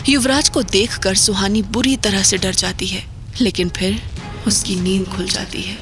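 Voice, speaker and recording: Music runs beneath the whole clip as a woman narrates a horror audio drama. Her mid-register, medium-pitched voice stays steady and measured, ratcheting up the suspense with each line.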